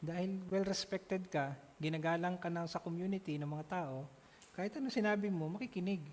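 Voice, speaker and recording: A man with a notably high voice leads a church Bible class, animated and often checking that his listeners follow. His voice carries a long reverb from a church hall. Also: a little fast, slight background noise.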